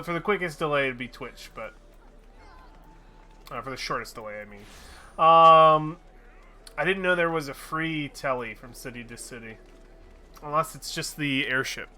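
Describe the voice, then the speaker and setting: A streamer chats casually during a gaming livestream, swearing freely and laughing at their own slip-ups. The voice is medium-pitched, pushed, and bright.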